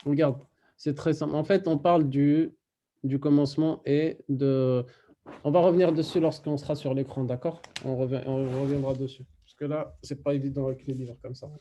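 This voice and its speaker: A man teaching a Quran recitation class online, patiently explaining step by step and repeating words slowly. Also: medium pitch, steady tone, warm tone.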